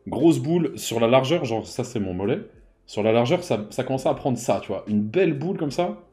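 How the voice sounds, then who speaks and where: Thirtysomething male storyteller, casual and slangy, medium pitch, conversational delivery. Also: fairly quick, faint music behind. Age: 30s. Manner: lively, slangy, peppered with "tu vois". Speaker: YouTuber telling a personal story.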